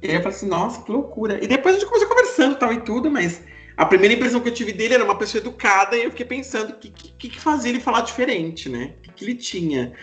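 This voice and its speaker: A Brazilian-accented man hosts a podcast, chatting casually and telling stories in an animated, expressive way. His voice is extremely high and rapid-fire, the room sounds roomy, and faint music plays behind him.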